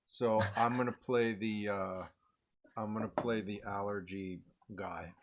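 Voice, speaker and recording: A man's voice: lowish voice, steady tone, a little slow. Stuffed-up sarcastic male co-host. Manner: sarcastic, crude. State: stuffed-up nose. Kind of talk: casual podcast chat.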